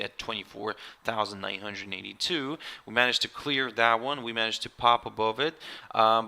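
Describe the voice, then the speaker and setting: A man hosting a live market webinar, talking casually to viewers with many fillers, a little hoarse and clearing his throat now and then. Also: fairly low pitch, sharp tone.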